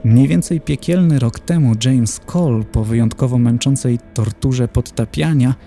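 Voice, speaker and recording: A man's voice: mid-range voice, normal speed, vocal fry, warm tone, soft background music. Man doing a formal, clinical magnificence of hell. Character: pompous male dignitary of hell, clinical and formal.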